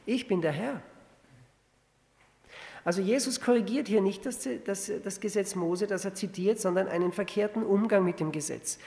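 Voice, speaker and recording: Male preacher, sermon, gravelly voice, rhetorical questions, slow scripture reading, long reverb of a church hall. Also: high-pitched, a little mellow. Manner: teaching with rhetorical questions, reads scripture slowly.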